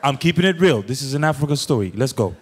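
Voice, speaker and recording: A man's voice: medium pitch, lively intonation, fast talker, breathy edge. A man from Uganda hosting a public panel, joking and bantering with the audience. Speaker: host. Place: large hall with an audience.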